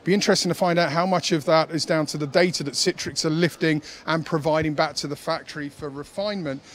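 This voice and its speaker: A man's voice: fairly high pitch, steady tone, quick pace, a bit bright, slight background noise. A man hosting a conference TV wrap-up, talking emphatically and urging viewers straight to camera, a little out of breath. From United Kingdom. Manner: emphatic, urgent, addresses viewers directly. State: running out of breath. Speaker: event TV host. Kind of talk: energetic event wrap-up presenting.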